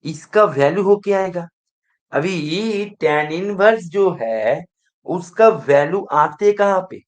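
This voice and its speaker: Slow, high-voiced math teacher. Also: male voice, lively intonation. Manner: quizzes students, repeats prompts to pay attention. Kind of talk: exam-prep lecture.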